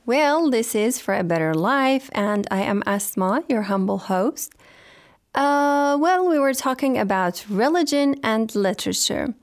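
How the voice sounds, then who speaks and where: A woman's voice: on the high side, lively intonation, a little slow. Formal woman radio host. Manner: formal, earnest, courteous. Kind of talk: scripted radio talk programme presentation.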